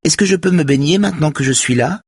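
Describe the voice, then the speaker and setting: A man's voice: lowish voice, expressive, normal speed, husky, no room sound, studio quality, pitched above the performer's own voice. A man voicing a flamboyant, vain woman in her fifties who talks in a theatrical, gossipy way. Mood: airy.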